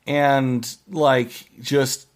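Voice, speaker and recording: A male podcast host gives casual movie reviews in a mid-range, flat voice. He speaks haltingly, often restarting and letting phrases trail off.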